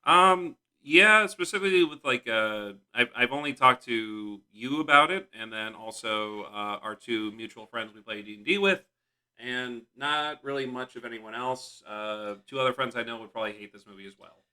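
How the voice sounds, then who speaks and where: Casting: young male co-host, very bright tone, relaxed and halting, quick to laugh. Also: medium pitch. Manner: easygoing, hesitant, laughs often. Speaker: podcast co-host. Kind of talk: casual chat.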